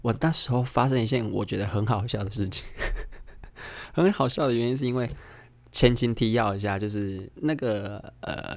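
A young man with a Taiwanese Mandarin accent, hosting a podcast and telling a personal story in a casual, animated way, acting out the people in it. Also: lowish voice, dry recording. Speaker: podcast host.

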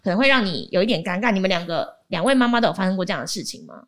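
Lively fast-talking woman host. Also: mid-range voice. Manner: lively, teasing, quick to laugh. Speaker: podcast host. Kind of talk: casual chat.

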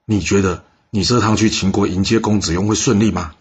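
A man's voice: lowish voice, steady tone, a little fast, slightly rough. A man telling a history story in a chatty way, often putting questions to the listener.

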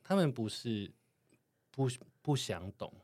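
A man, calmly and insistently explaining his point in a casual podcast chat. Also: medium pitch, slow pace, no echo.

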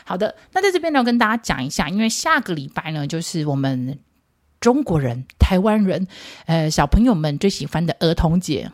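A woman's voice: deep voice, no echo, studio quality. A woman in her thirties with a Taiwanese Mandarin accent, hosting a podcast in a playful, teasing storytelling manner. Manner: playful, teasing, laughs at her own jokes. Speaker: podcast host. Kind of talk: casual storytelling monologue.

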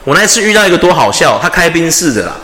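A young man from Taiwan, host of a casual chat podcast, telling stories in an animated way, swearing and acting out quarrels loudly. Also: on the high side, fast, crowd noise. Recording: echoey room with long reverb.

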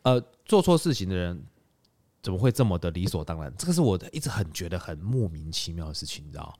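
A man co-hosts a casual podcast, telling a story at a quick clip. His voice sits fairly low, and he brings the scene to life by acting out what people said. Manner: animated, retells scenes with acted quotes. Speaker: podcast co-host.

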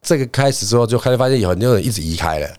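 A man's voice: medium pitch, very fast, no echo. A man co-hosting a casual podcast chat, telling a story with acted-out quotes and frequent laughter. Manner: animated storyteller, acts out quotes, laughs often. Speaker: podcast co-host.

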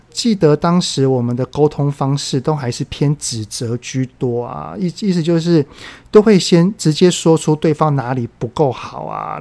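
A man in his forties with a Taiwanese Mandarin accent, hosting a solo podcast and telling stories in a relaxed way with drawn-out sentence-final particles, while he is still recovering from a fever. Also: mid-range voice, vocal fry. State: recovering from a post-vaccine fever. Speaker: podcast host, parenting educator. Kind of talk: casual solo podcast talk.

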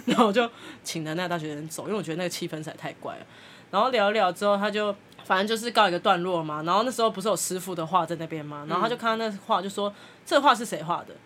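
A woman's voice: fairly low pitch, very fast, fairly bright tone, a little hiss or hum. A woman podcast host, telling a story in casual chat and acting out the people she quotes, with frequent laughter.

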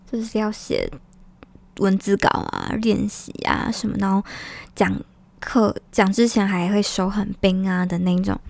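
A woman's voice: medium pitch, vocal fry, a little mellow, dry recording. A woman hosting a casual solo podcast in a reflective, confiding way, her articulation slightly slurred from wearing dental braces. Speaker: podcast host.

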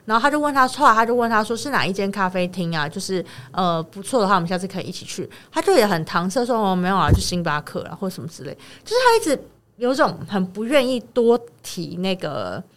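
A woman's voice: mid-range voice, sing-song, quick pace, fairly bright tone. A woman with a Taiwanese Mandarin accent, co-hosting a podcast and retelling a friend's story in casual, rambling chat. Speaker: podcast co-host.

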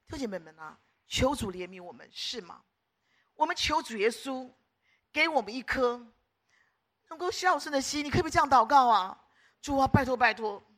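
A woman's voice: a little high, a bit bright. A middle-aged woman preacher delivering an emphatic sermon, repeating phrases in rhythmic lists.

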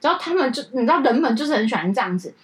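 A woman's voice: high voice, rapid-fire. A woman in her thirties co-hosting a casual podcast, telling a story with energy and acting out both voices of a phone call. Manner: animated, acts out both sides of a phone call. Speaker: podcast co-host.

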